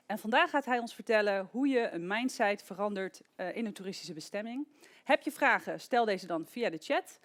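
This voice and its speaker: A woman's voice: mid-range voice, lively intonation, brisk. A woman moderates a conference session in a mid-range voice. Her introduction is brief, polite and businesslike. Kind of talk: formal introduction.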